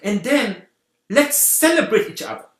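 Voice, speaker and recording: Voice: mid-range voice, sing-song, a little slow. A guest from Senegal, giving an earnest talk on community unity and repeating rallying phrases. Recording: roomy echo.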